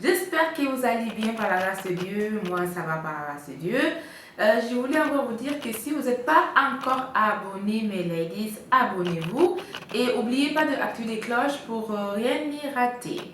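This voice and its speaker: A woman's voice: a little high, animated, moderate pace, fairly bright tone. Female vlogger from Congo, casual advice chat, hesitant, very echoey room with faint noise. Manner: chatty, with frequent hesitations. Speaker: vlogger giving couple advice.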